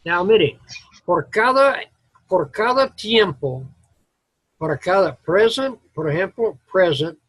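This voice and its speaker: Profe hablando lento, voz ronquita y seca, mete palabras en inglés. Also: male voice, sits high, lively intonation, a bit bright, slightly rough, no echo. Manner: slow, halting explanations mixing English words into Spanish. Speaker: English teacher. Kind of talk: classroom grammar lesson. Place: classroom.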